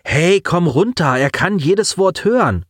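A man voicing a carefree young man who talks in a bright, loud, breezy way. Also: high voice, lively intonation, unhurried, husky, dry recording, clean studio sound, voice pushed up, full character voice. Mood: cheerful. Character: cheerful, carefree young man, the best friend.

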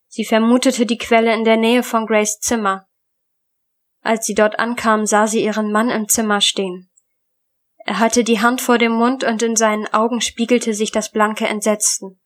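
A woman with a fairly high voice narrates a dark short story as an audiobook reader. Her reading is even and measured, scripted and deliberate.

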